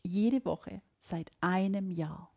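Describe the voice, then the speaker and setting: In a low, gravelly voice and at a slow pace, a middle-aged Swabian-accented woman hosts a casual podcast conversation. She comes across as reflective, lively and emphatic.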